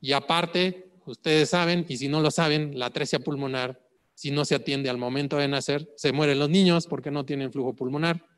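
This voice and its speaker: A man's voice: fairly high pitch, steady tone, normal speed, clean tone, big-room sound. A man lecturing on clinical cases, asking rhetorical questions and checking in with "ok?". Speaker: medical exam prep lecturer.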